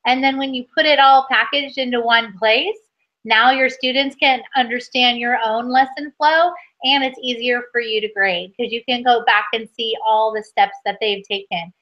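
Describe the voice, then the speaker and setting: A woman hosting an online workshop gives encouraging, well-spoken feedback. Her voice sits a little high. The sound is muffled and lo-fi. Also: steady tone, moderate pace. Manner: encouraging, articulate.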